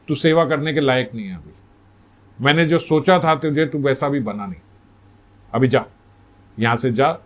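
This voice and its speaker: A man's voice: medium pitch, lightly acted. A man voicing a stern elderly guru. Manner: sharp, reproachful scolding. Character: stern elderly male guru scolding his disciple.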